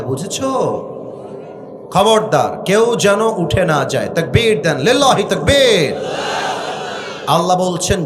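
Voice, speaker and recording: A man from Bangladesh preaching a sermon to a gathering, shouting and acting out stories as he goes. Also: sits high, background noise. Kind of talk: Bengali waz sermon.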